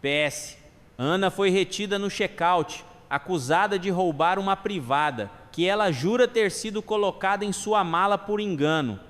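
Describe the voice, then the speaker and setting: A man reading jokes and sayings aloud in an even delivery. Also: high-pitched, moderate pace. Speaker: joke teller. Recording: long hall reverb.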